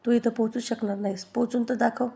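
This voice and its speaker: A woman's voice: on the high side, little pitch movement, quick pace, gravelly, warm tone. A woman voicing a scheming, vengeful woman villain from a TV serial recap, taunting and mocking.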